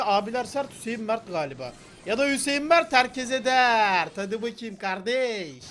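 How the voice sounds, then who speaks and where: A young male gaming host with a strikingly high-pitched voice, talking fast and loose over his gameplay. He keeps up a loud, joking, slang-heavy commentary, barking at his teammates as the match goes on. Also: a little hiss or hum. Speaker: gaming YouTuber.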